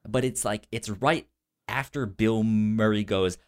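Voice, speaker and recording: With a lowish, unhurried voice, the man discusses films casually as one of a podcast's co-hosts. He is enthusiastic, and his speech carries a stutter of repeated sounds and syllables.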